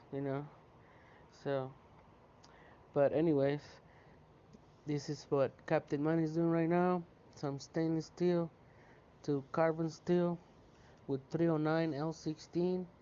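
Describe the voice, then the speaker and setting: A man casually talking through his welding outdoors in a relaxed, chatty way, with lots of "you know". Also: a little high, highs cut off, a little hiss or hum. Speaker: welder vlogger. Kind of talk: casual how-to narration.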